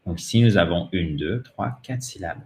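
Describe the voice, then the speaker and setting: A man with a French accent, a native French speaker, teaching English pronunciation in a patient way and repeating words slowly for drilling. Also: low-pitched, animated, creaky, reverberant. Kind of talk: pronunciation lesson.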